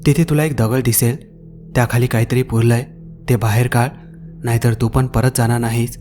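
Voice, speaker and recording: A man's voice: mid-range voice, steady tone, dark tone, soft background music, close to an everyday voice. Grim old village headman, voiced by a man. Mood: grave. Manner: slow, solemn warning.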